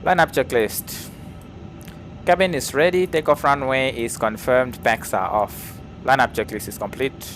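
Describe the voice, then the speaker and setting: A man speaking into a pilot's headset, reading back tower clearances and running through cockpit checklist callouts in clipped aviation phrasing. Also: mid-range voice, measured pace. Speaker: flight sim streamer. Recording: steady cockpit engine and fan hum.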